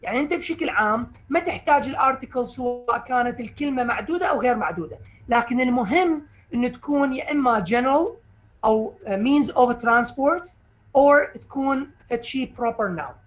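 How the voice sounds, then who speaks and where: A woman with an Iraqi Arabic accent teaching English vocabulary in a recorded lecture, speaking English slowly and deliberately and explaining in quicker Arabic, with frequent hesitations. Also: on the high side, lively intonation, low-quality recording.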